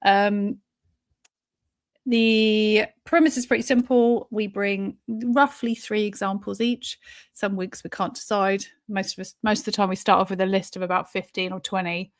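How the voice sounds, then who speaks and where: A woman hosting a live podcast in a loose, chatty way. She speaks bluntly, swears without hesitation and laughs between points. Her voice sits at an ordinary pitch and sounds close and dry, with no room echo. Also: fairly even intonation. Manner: frank, sweary and quick to laugh. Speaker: podcast host and founder. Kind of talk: casual live podcast chat.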